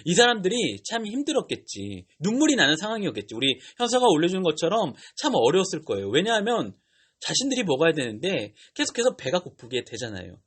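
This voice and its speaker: A young man preaching to teenagers as a youth pastor, retelling a Bible story in a lively way with slang and questions to the kids. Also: high voice, fast, breathy edge.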